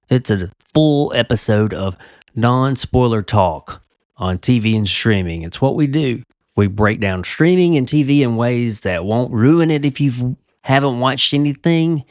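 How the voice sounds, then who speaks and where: A man hosts a casual TV podcast, chatting easily and conversationally while occasionally interrupting himself, his voice slightly stuffy from a cold. His voice is on the low side, and the clean studio recording has no room sound.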